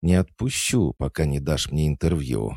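A man voicing a pushy, teasing tiny young female student journalist in an audiobook, pitching well above his own voice. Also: sing-song, normal speed, vocal fry, mellow, no echo, studio quality, exaggerated voice. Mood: loud teasing. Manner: mocking, teasing.

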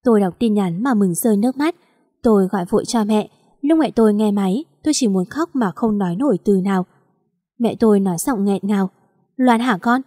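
A woman reading a story aloud in a steady, even narration. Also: medium pitch, brisk, no echo, clean studio sound.

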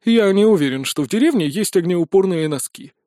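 A man's voice: high voice, animated, brisk, mellow, dry recording, studio quality. A man voicing a thoughtful, matter-of-fact young companion. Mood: pensive.

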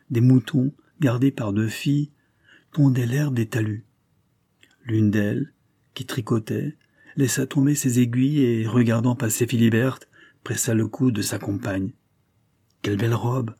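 A man narrating a classic novel in a measured, dramatic reading. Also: medium pitch, warm tone, husky. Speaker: audiobook narrator.

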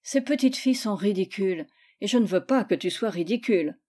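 A woman voicing a gentle, patient mother in a storybook reading. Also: medium pitch, lively intonation, a little fast, close to an everyday voice. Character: gentle, pleading young mother.

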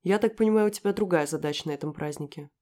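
A woman's voice: fairly low pitch, very fast, warm tone, lightly acted. A woman reading an audiobook, voicing a cold, contemptuous young man with a sneering, cutting manner.

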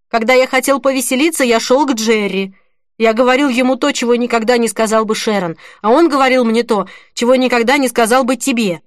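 A woman's voice: fairly high pitch, no echo, studio quality, close to an everyday voice. A woman reading the part of a grown man who earnestly and firmly consoles a grieving friend in an audiobook. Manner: earnest, persuasive, gently firm.

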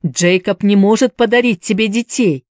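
An ardent young man in an audiobook pleads with rising urgency, as a woman narrator voices him. His tone stays dark and mellow, and the dry, close sound puts him right at the listener's ear. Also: medium pitch, animated, moderate pace, no room sound, natural voice. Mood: urgent pleading.

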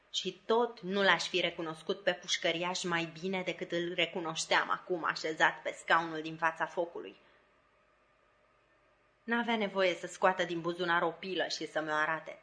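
A woman narrating a classic novel as an audiobook in a measured, even storytelling manner. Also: lowish voice. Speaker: audiobook reader.

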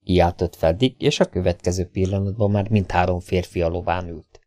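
A man reads a novel aloud as an audiobook narrator, telling the story steadily and evenly. His voice sits on the low side. The recording is dry and close, with no room sound. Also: dark tone, dry recording. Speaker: audiobook reader. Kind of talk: scripted narration.

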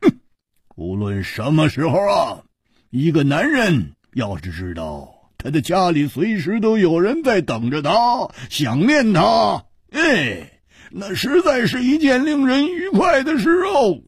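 A hearty, hard-drinking swordsman, as a male storyteller puts him on, gruff and boisterous, with grunts and heavy sighs. His husky voice leaps from low to high as he talks. The recording is dry and close. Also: huge pitch swings, normal speed, dry recording, heavily acted. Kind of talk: storytelling dialogue.

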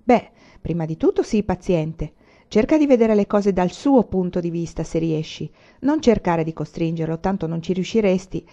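A woman voicing a kindly, wise pioneer father who gives calm, gently teasing advice, in a storybook reading. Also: on the low side, normal speed, highs cut off. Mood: gentle.

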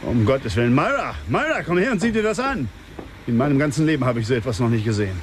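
A man's voice: mid-range voice, very animated, fast talker, noisy background, lightly acted. A man playing a stubborn, crusading newspaperman. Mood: shocked. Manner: forceful, indignant, commanding. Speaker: radio drama actor. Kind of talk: radio drama acting.

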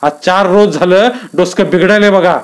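A man's voice: high-pitched, moderate pace, voice pushed up, lightly acted. A man doing a desperate old village father. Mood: despairing. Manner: rustic dialect, crying out in despair.

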